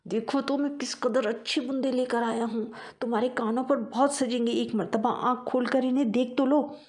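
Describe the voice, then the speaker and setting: A woman's voice: sits high, normal speed, darkish tone, pitched above the performer's own voice, lightly acted. Woman doing an eager, pleading husband mouse. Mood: coaxing. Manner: pleading and coaxing.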